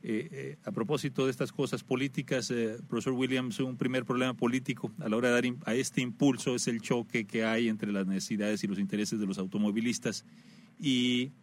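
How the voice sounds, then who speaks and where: A man's voice: mid-range voice, fairly even intonation, a little fast, slight background noise. A man hosting a radio talk show, conversational and full of "eh" fillers. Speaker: radio host.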